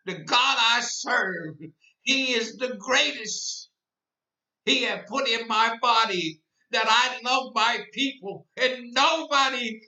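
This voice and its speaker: A man's voice: sits high, sharp tone. A man in his eighties hosting a live-stream podcast, rambling and repeating himself, then rising to impassioned declarations. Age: 80s. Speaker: podcast host. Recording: echoey, distant, dull lo-fi.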